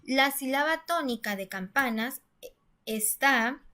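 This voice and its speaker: A woman's voice: high-pitched, lively intonation, slow, sharp tone. A woman teacher giving a step-by-step grammar lesson, patiently explaining and saying syllables aloud with stress. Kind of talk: classroom-style grammar lesson.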